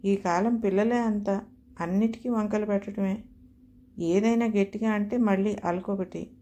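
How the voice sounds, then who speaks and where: Woman storyteller, first-person comic reading, wry and self-mocking, mellow tone, faint ambient noise. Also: medium pitch, steady tone, moderate pace.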